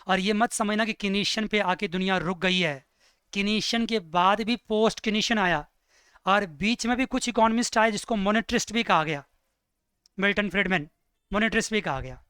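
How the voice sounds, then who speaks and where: A male teacher gives an economics lecture in a crisp, clear voice, pitched high for a man. He keeps asking the class questions and slows down to dictate notes. The recording is dry and close. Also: no echo. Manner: lively, asks students questions.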